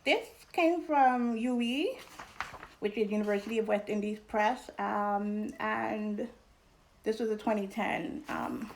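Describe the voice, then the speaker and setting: A young adult woman from New York, hosting a casual educational talk to camera in an animated, chatty way with fillers. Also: on the high side, a little hiss or hum. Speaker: channel host.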